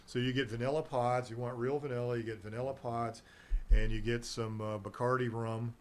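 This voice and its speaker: Here the herbal nutrition seller talks a little fast in a mid-range voice with fairly even intonation. As a local talk show guest he chats casually, wanders from point to point and laughs readily, with a little hiss or hum on the recording.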